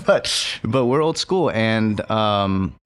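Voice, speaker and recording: Deep-voiced man, halting and reflective. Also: sing-song, no echo. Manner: halting, reflective, many fillers and restarts. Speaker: chef and restaurant co-owner. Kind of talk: casual podcast conversation.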